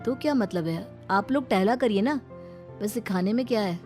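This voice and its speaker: A gentle young husband, voiced by a woman in a family drama story. He talks mildly and softly, always giving in to his wife. Faint music sits in the background. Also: medium pitch, normal speed, lightly acted.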